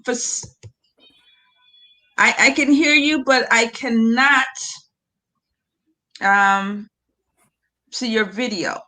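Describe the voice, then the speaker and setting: A woman's voice: on the high side, drawn-out words, pauses often, bright, forceful tone. A woman on a video call hosting an informal webinar, speaking in a patient, encouraging and somewhat hesitant way. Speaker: host of an online webinar. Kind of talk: informal live webinar hosting, talking a guest through screen sharing.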